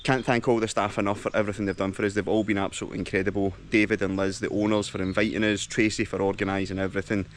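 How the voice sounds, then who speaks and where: A man's voice: lowish voice, little pitch movement, rapid-fire, hardly any pauses, a little hiss or hum. A man with a Scottish accent, chatting casually and enthusiastically as a travel vlogger while walking around a lodge and lochside. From Scotland. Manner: chatty and enthusiastic, heavy on local slang.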